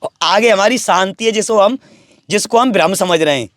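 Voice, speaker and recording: A man's voice: high voice, moderate pace, fairly bright tone, no echo, clean studio sound. A man, a wandering holy man, talking at length about spirits and devotion in a boastful, preachy way. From Braj region, India. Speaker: wandering sadhu interviewed. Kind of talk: rambling spiritual talk.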